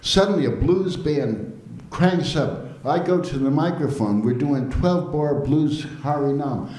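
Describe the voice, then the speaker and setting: A man's voice: on the high side, unhurried. Older man telling stories in an echoey hall. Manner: lively storytelling, chuckling often. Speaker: devotional storyteller. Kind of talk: anecdotal talk to an audience. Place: temple hall. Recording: roomy hall echo.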